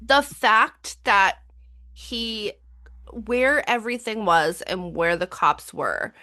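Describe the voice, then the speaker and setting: A woman co-hosts a podcast, chatting loosely about sports and news. Her voice is bright and forward. She swears freely, restarts her sentences and fights through the hiccups. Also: medium pitch, takes it slowly. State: has the hiccups. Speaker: podcast co-host. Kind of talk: casual chat.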